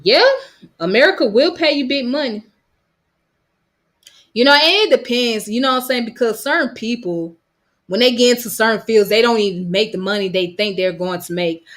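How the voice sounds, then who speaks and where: A vlogger from Georgia with a strong Georgia Southern accent rambles casually to camera in a monologue packed with "you know what I'm saying" fillers. Her fairly high, fairly bright voice moves at a moderate pace and sounds slightly worn.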